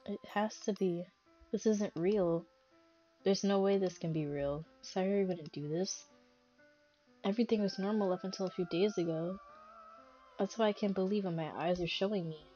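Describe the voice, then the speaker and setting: A young woman streaming a visual novel, reading its text aloud in a measured voice and breaking into loud reactions. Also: medium pitch. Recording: dull lo-fi stream audio with faint game music.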